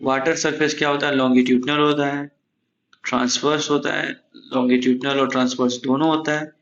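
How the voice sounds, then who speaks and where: A man's voice: mid-range voice, flat delivery, fairly quick, fairly bright tone, highs cut off, slight background noise. Chatty man teaching exam prep. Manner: chatty, repeats "ठीक है?" to check in. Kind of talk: casual Hindi-English lecture. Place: room at home, AC running.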